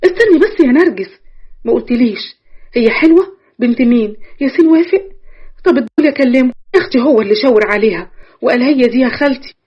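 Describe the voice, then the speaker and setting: A woman voicing an excitable older Egyptian mother, desperate to marry off her son, who talks in shrill, breathless bursts. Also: quick pace, husky, muffled recording. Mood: overjoyed.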